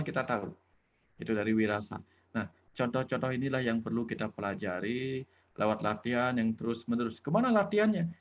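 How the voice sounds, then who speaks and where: A man giving an earnest spiritual talk, explaining patiently with examples and later leading a calm prayer. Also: medium pitch, muffled recording. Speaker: spiritual teacher.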